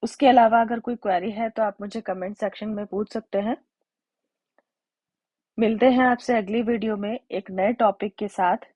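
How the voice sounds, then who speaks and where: A woman teacher explaining a grammar lesson, spelling out examples slowly and repeating them. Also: mid-range voice, steady tone, a little mellow, no echo. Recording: dull lo-fi sound.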